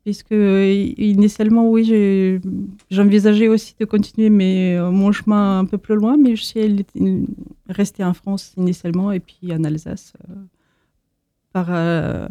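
Woman from Moldova, interview guest, halting speech full of fillers, very mellow tone, dry close sound. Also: mid-range voice, fairly even intonation, dry recording. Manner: hesitant, many fillers and restarts. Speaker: association founder. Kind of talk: interview answers.

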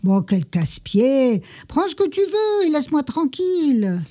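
A woman reading the part of an impatient old wife in a husky voice. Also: high voice, sing-song, measured pace, warm tone, pitched above the performer's own voice.

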